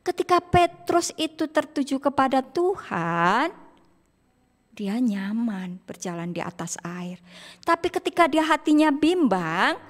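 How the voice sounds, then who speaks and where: A woman teacher telling a Bible story to schoolchildren in a lively storytelling manner, with frequent "ya" tags and acted-out cries. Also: high voice. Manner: storytelling with many "ya" and "gitu, ya" tags, acting out cries. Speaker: teacher leading school worship. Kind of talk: children's Bible story sermon. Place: school hall. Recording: long hall reverb.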